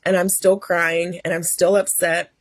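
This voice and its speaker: A woman's voice: lowish voice, little pitch movement, unhurried, dry recording. A woman in her fifties sharing a personal faith testimony in an earnest, emotional storytelling way. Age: 50s. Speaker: host.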